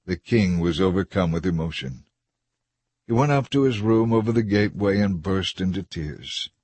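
Low husky male narrator, steady Bible storytelling, dry sound. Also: moderate pace, no room sound. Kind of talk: scripted narration.

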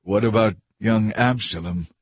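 A man's voice: on the low side, a little slow, dry recording. A man voicing a grieving old king who cries out for his dead son. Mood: urgent. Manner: anguished, sobbing cries.

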